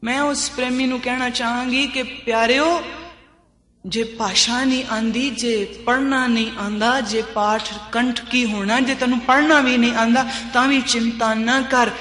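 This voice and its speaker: Woman giving a sermon, sharp bright tone, repeats lines in a steady preaching rhythm, roomy echo. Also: on the high side, moderate pace. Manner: earnest, repetitive preaching cadence. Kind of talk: devotional sermon discourse. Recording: echoey hall with long reverb.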